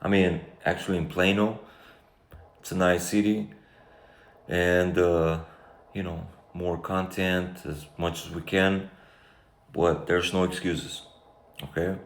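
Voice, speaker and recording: Deep flat-voiced Romanian man. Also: slow pace, long pauses. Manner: reflective, rambling, many fillers. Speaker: vlogger. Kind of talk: casual life-update monologue. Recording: echoey room, faint background noise.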